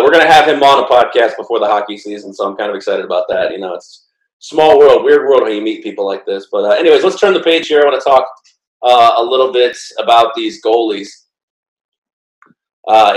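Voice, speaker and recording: A man's voice: lowish voice, fairly quick, echoey room, poor audio. A man co-hosting a casual sports podcast, rambling and playful, with lots of fillers. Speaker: podcast co-host.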